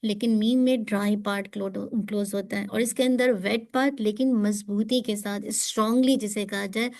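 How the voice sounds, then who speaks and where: A woman's voice: medium pitch, steady tone, a little mellow. Patient woman teacher drilling pronunciation. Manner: patient, encouraging, drills sounds slowly and clearly; switches between Urdu and English explanations. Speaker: Quran recitation teacher. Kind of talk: pronunciation lesson for students.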